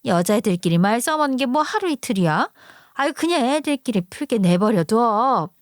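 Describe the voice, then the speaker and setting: A woman's voice: fairly high pitch, expressive, moderate pace, no room sound, studio quality, natural voice. A woman voicing a dismissive, snippy middle-aged mother who scoffs and gets defensive. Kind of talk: storytelling acting.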